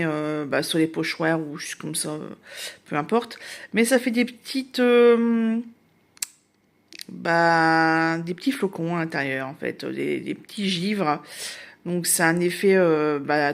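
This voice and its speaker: A woman from northern France chatting casually through an unboxing vlog, with many hesitations and the product names whispered. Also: medium pitch. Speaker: vlogger.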